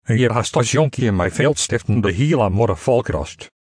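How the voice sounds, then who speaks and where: A soft-spoken, caring man in a read-aloud story, voiced by the male narrator. He talks tenderly and pleadingly, with a mid-range voice. The recording is close and dry, with no room sound. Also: mid-range voice, expressive, moderate pace, slightly rough, no room sound. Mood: fond.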